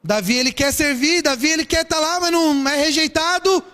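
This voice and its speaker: High-voiced preacher in a reverberant hall. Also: male voice, a little fast. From São Paulo, Brazil. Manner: lively storytelling preaching with rhetorical questions. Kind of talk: sermon.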